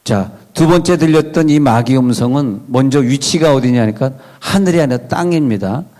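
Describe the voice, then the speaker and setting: A man's voice: medium pitch, moderate pace, dark tone. A male pastor giving a sermon in a church, conversational, with wry asides and questions to the congregation. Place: church sanctuary.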